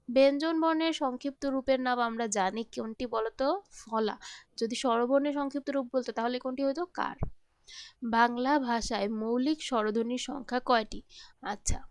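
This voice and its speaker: A woman's voice: high voice, dry recording. A woman teaching grammar, going through multiple-choice answers, asking questions and then answering them patiently.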